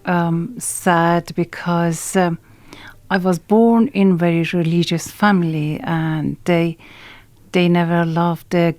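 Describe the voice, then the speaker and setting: A woman from Iran with an Iranian accent, talking in a halting, hesitant way as a guest in a radio studio interview. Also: fairly low pitch, fairly even intonation, a little mellow, no echo. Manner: halting and hesitant, many pauses and fillers. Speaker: guest singer.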